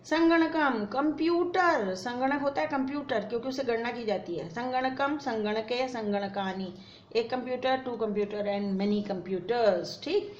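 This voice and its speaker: A woman's voice: a little high, a little slow. Woman teaching Sanskrit in an echoey room. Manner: explains patiently, repeats word forms in drills; mixes English words into explanations. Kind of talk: classroom lesson at a board. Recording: echoey room, dull lo-fi sound, faint noise.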